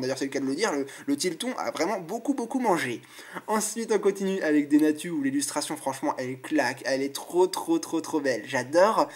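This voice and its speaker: Male host, casual unboxing chat, eager and talkative, commenting card by card. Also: on the high side. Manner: chatty and enthusiastic, admiring each card aloud. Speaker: YouTube channel host.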